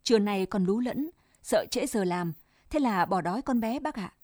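Woman playing a young mom fighting tears, choked pleading, soft warm voice. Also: mid-range voice, animated, moderate pace, dry recording, clean studio sound, close to an everyday voice. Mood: grieving. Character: grieving young mother, tender, heartbroken.

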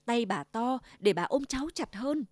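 A cunning old male wolf from a children's storybook, growling his schemes and then faking a soft, quavering granny voice, as a woman puts him on. The recording is dry and close. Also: fairly high pitch, expressive, normal speed, no echo. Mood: fake sweet.

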